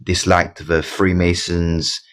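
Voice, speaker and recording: Here is a man with a very low, deep voice, chatting casually on a live stream. He talks in a halting way, repeating words and restarting his sentences. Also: little pitch movement. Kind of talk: casual chat.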